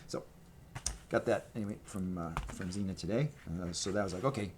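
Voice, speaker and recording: Seated at a table in his gray room with its red accent wall, a vlogger shows his merch to the camera mic in a deep voice, talking a little fast. The show-and-tell is casual and meandering, full of fillers and restarts, against a noisy background.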